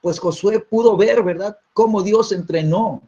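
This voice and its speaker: Husky preacher man, tag questions everywhere. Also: sits high, a little slow, dark tone. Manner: peppers phrases with tag questions; repeats words when restarting. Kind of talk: sermon teaching. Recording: dull lo-fi recording.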